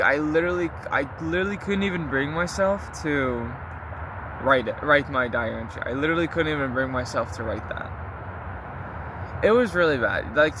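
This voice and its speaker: A man's voice: fairly high pitch, background noise. A young adult man chatting casually and confessionally to listeners, rambling with slang and mild swearing. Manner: rambling, slangy, mildly profane. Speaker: vlogger recording a spoken diary.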